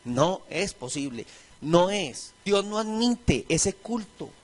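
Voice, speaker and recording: Man, Colombian accent, pastor, high-pitched, animated sermon, mimics voices. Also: slow. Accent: Colombian Spanish. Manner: animated preaching, acts out voices of churchgoers and disciples.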